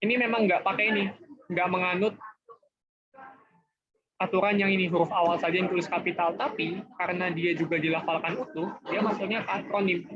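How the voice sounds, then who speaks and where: High-voiced young man tutoring casually. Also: steady tone, fairly quick, husky. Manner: chatty, informal, often says guys and gitu. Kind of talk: casual online class explanation. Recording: dull lo-fi online class audio.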